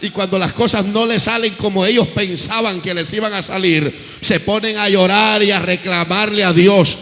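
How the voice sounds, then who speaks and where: A man's voice: high-pitched, fairly even intonation, normal speed, fairly bright tone, in a large hall. A male preacher, delivering an impassioned sermon full of rhetorical questions and acted-out quotes.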